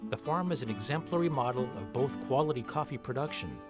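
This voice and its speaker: A man's voice: mid-range voice, animated, fast. A man reading scripted documentary narration as the narrator. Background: guitar music.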